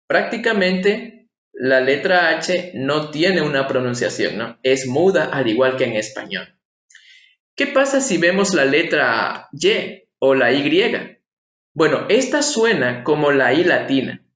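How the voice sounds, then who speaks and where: A man gives a patient online language lesson, his fairly high voice stopping often to ask his viewers rhetorical questions. The room has a noticeable echo. The sound is somewhat dull and lo-fi. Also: a bit bright. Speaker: language teacher. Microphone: screen-share voice-over.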